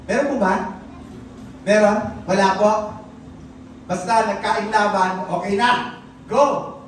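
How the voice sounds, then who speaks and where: A preacher giving a sermon, switching between Tagalog and English and quizzing the congregation. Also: medium pitch. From Philippines. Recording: very echoey church hall, distant mic, faint noise.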